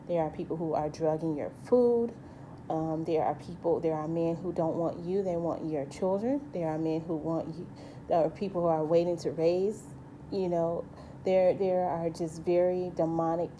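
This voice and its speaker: A woman vlogger with a fairly low-pitched, dark-toned yet light voice delivers a rambling, earnest personal monologue. She keeps restarting, drifting into asides and saying "you know." There is slight background noise.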